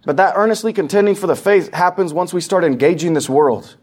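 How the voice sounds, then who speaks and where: Male pastor, casual sermon delivery, fairly high voice, acts out voices and asks the room questions. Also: brisk, a little mellow. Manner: conversational preaching, acts out quoted voices, asks the congregation questions. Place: church sanctuary.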